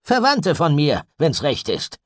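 A man voicing an irritable, harried male farm owner who talks curtly and sounds strained and rough in an audiobook story. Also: medium pitch, very animated, dry recording, clean studio sound, pitched above the performer's own voice. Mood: irritated. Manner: quick-tempered and curt.

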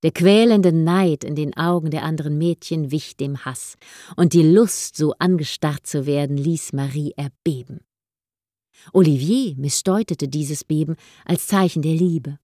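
A woman narrating a novel in a measured, even storytelling manner, as an audiobook. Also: deep voice, dry recording, studio quality. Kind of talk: scripted narration.

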